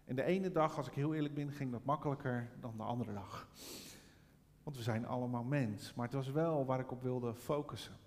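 A man's voice: mid-range voice, normal speed, darkish tone, long reverb tail. A middle-aged man preaching a sermon, telling a personal story and then rising into fervent preaching. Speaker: pastor.

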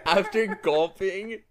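A woman's voice: medium pitch, sing-song, very slow. A woman co-hosting a comedy podcast, reacting to a silly story and laughing through her comments. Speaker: podcast co-host. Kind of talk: casual chat.

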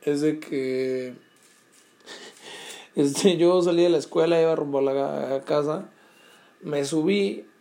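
A young Mexican vlogger tells his viewers a story in slangy, casual talk packed with swearing and fillers, restlessly retelling events in a Mexican Spanish accent. His fairly high voice is creaky and dark in tone, moving at a slow pace with long pauses.

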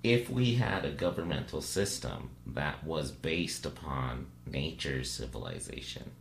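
Here a man co-hosting a laid-back podcast ponders aloud, tentative, leaning on little tags like "right?" and "you know." He's expressive, a little slow, and creaky, in a recording with roomy echo, low hum, and hiss.

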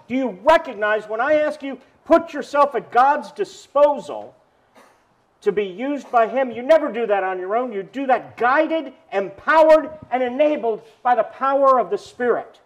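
A male pastor preaching a sermon outdoors, telling stories and asking the congregation questions. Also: extremely high pitch. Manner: animated storytelling preacher, asks the congregation questions.

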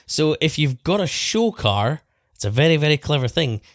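A man's voice: fairly high pitch, sing-song, moderate pace, dry recording. Male podcast host. Informal, chatty and bantering, recorded dry. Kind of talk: casual chat about car detailing.

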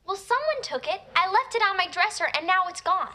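A woman's voice: extremely high pitch, lively intonation, brisk, sharp tone, exaggerated voice. An actress playing a young woman in a TV noir detective parody. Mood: upset. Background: music.

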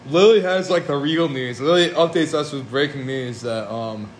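A young man co-hosting a podcast in casual chat, excitable and loose, swearing freely. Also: mid-range voice, normal speed. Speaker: podcast co-host. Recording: echoey room with faint noise.

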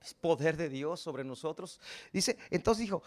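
A male pastor delivers a sermon in a high, lively voice that climbs and drops freely. He tells the story with drama and keeps turning to the congregation with questions. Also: normal speed. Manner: animated, dramatic storytelling preaching.

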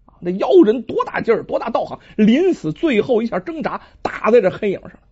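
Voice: mid-range voice, very animated, a little fast, mellow, slightly rough. A storyteller telling a folk tale in a dramatic traditional style, exclaiming and drawing out sentence endings, on a dull lo-fi recording.

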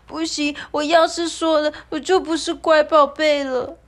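A woman's voice: high voice, flat delivery, normal speed, pitched above the performer's own voice, close to an everyday voice. A woman voicing a timid, frightened little koala girl in a children's story. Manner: timid, stammering.

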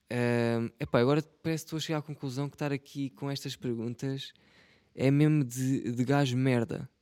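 A young man with a European Portuguese accent talks alone into the mic for his podcast, rambling and mocking himself in slang full of swearing. His voice sits at an everyday middle pitch. The sound is close and dry, with no room echo. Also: clear, resonant tone. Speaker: podcast host. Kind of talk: casual solo podcast monologue.

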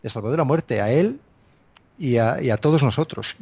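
A man's voice: medium pitch, animated, moderate pace, a little mellow, breathy edge. Hesitant, reflective man on faith. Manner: thoughtful, hesitant with many fillers and restarts. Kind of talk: reflective conversational preaching.

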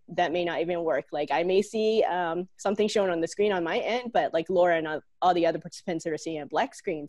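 A woman's voice: on the low side, darkish tone, no echo. Chatty woman from Hong Kong, dry sound. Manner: chatty, leans on "like" and "um" fillers. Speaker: online learning lead and co-host. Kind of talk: casual conversational podcast. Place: home office.

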